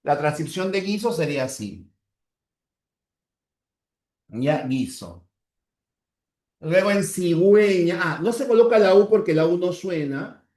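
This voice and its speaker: A man teaching a class, slowly stretching out example words and checking in with students between points. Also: sits high, a little mellow, reverberant. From Peru. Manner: slow, drawn-out spelling of example words; checks in with the class with short tags. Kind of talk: classroom lecture.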